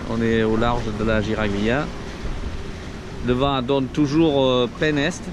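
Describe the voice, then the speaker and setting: A man's voice: mid-range voice, level tone, measured pace. A man giving casual, colloquial sailing commentary to camera as skipper, outdoors on a boat at sea. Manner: informal, colloquial, talking to camera. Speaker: sailor narrating his own trip as skipper. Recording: wind buffeting the mic, loud boat noise. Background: wind and boat noise.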